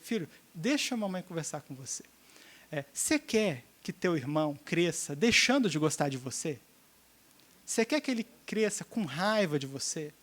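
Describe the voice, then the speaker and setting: A man's voice: on the high side, animated, moderate pace. A man doing a coaxing young mother. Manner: gentle, coaxing. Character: patient young mother scolding her son.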